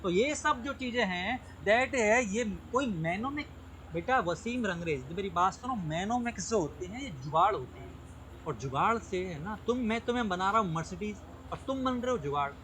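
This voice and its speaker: A man with a high-sitting, animated voice and a fairly bright tone speaks at normal speed on a rough recording with slight background noise. His online lecture is repetitive and drill-like, with frequent comprehension checks and English terms mixed in.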